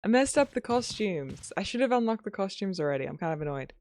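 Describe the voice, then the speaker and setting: A woman's voice: mid-range voice, sing-song, a little mellow. A woman game streamer chatting casually with her viewers while playing, a little sleepy. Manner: chatty, talks to viewers, drawn-out greetings. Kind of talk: casual live-stream commentary while gaming.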